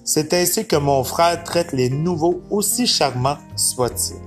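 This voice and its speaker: A man voicing a kind young female iguanodon in a storybook reading, soft and reassuring. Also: fairly high pitch, animated, measured pace, soft background music.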